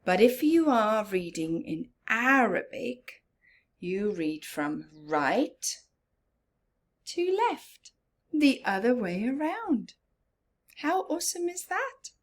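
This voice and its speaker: With a slightly high, very animated voice, a woman reads a story aloud for children. She pauses to explain things simply and puts questions to her young listeners.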